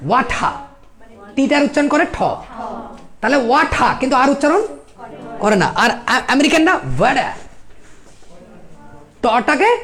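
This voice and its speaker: A woman with a Bangladeshi Bengali accent teaching English at a coaching class, firing quick rhetorical questions at her students. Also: sits high. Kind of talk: classroom lecture.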